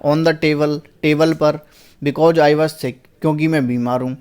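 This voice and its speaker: A young male teacher's fairly high voice is steady, darkish, clear and resonant as he leads a lesson on a past exam paper. He puts each question forward and answers it himself, slowing sharply to read the English lines word by word.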